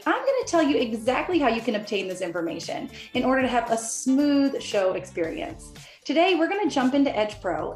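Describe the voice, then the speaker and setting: A woman in her thirties giving an upbeat, scripted software tutorial as a company executive, recorded at home on a webcam. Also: medium pitch. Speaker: software company VP presenting a product. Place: indoor room at home. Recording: echoey room.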